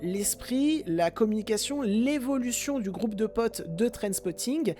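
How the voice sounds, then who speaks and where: A woman's voice: a little high, lively intonation, a little slow, warm tone. Chatty woman hosting a film podcast. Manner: chatty, self-mocking asides to listeners. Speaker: podcast host, film reviewer. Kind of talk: casual film review podcast.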